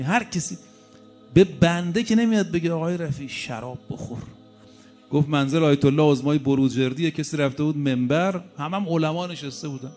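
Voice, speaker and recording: Animated male preacher, higher voice. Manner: animated storytelling, rhetorical questions, swings between soft and loud. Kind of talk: sermon.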